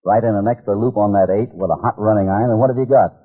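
A shrewd, assured cowboy hero talks in a lowish, husky American voice. It is old western drama. The recording is thin and tinny like a phone. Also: male voice, rapid-fire. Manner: assured, explanatory. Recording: tinny, band-limited vintage soundtrack.

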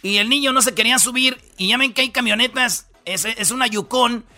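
A Mexican man hosts a radio comedy show. He retells odd news stories in casual, slang-heavy banter and pads his sentences with fillers. His voice sits high and sounds bright. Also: brisk, soft background music. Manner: slangy, storytelling, lots of fillers.

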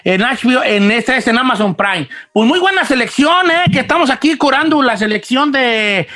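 A man's voice: extremely high pitch, animated, normal speed, sharp tone, dry recording, studio quality, heavily acted. A man putting on the voice of a teasing old Mexican ranchero radio host, with a Mexican accent and rambling, playful banter. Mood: joking.

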